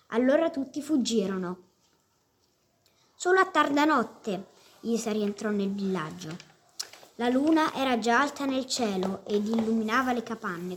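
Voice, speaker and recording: A woman reading a story aloud with steady expression. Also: a little high. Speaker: reader.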